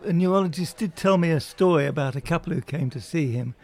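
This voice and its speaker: A man with a slightly high, gravelly voice. He talks casually on a panel and tells stories with a dry, wry touch. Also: fast talker, a little mellow. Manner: wry storyteller. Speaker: panel guest. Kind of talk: casual chat.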